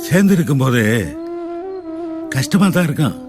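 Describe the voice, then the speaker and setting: A man's voice: on the high side, lively intonation, moderate pace, over music, close to an everyday voice. An actor playing an aging village patriarch in a film drama, earnest and pleading as he speaks for his family. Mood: grave. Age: older. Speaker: family elder.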